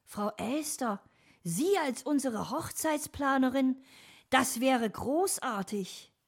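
A woman's voice: a little high, expressive, measured pace, pitched above the performer's own voice. A woman voicing an earnest young male apprentice in a storybook, doubtful but eager. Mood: excited.

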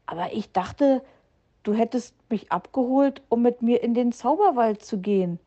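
A small boy fox cub with a raised, childlike voice, earnest and a little whiny as he complains to his uncle, as a woman reading a storybook puts him on. The voice sits in a mellow register, and the recording is slightly dull and lo-fi. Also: on the high side, moderate pace, voice pushed up, lightly acted. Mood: plaintive. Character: small eager young male fox cub.

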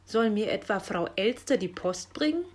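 A woman voicing a cheerful, friendly male fox in a children's story, good-humored and relaxed. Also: medium pitch, normal speed, lightly acted.

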